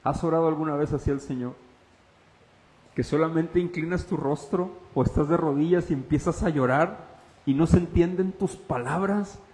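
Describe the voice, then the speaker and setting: Pastor guy preaching, asks the crowd questions, goes loud then hushed, kinda high voice. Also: in a large hall, rough recording. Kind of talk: sermon. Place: church.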